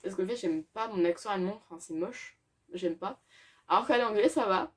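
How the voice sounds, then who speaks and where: A woman's voice: mid-range voice, moderate pace, husky. Chatty teenage girl with lots of fillers. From France. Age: teens. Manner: chatty, hesitant, many fillers, laughs. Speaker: YouTuber. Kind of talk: casual Q&A tag video.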